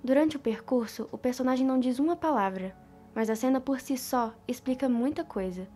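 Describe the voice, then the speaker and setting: A woman narrates a film analysis in a steady reading voice that sits a little high. Faint music plays underneath her. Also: fairly quick. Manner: even, reading aloud. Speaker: student presenter. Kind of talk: scripted video-essay narration.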